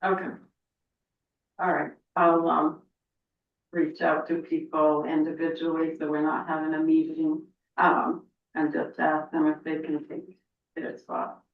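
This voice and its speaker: A woman's voice: deep voice, monotone, measured pace, narrow, tinny audio. A woman resident giving public comment at a town meeting, blunt and pressing in her questions. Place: town meeting room, audience area. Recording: distant, thin and echoey.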